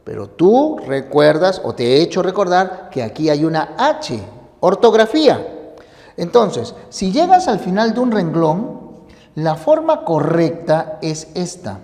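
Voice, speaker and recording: A man's voice: high-pitched, big pitch swings, unhurried, a little mellow. A man teaching a recorded spelling lesson, explaining step by step and asking the viewer questions. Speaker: language teacher. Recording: long reverb of a hall.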